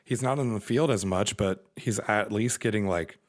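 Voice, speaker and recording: A young man co-hosting a casual podcast chat, energetic and quick to laugh. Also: lowish voice. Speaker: podcast co-host.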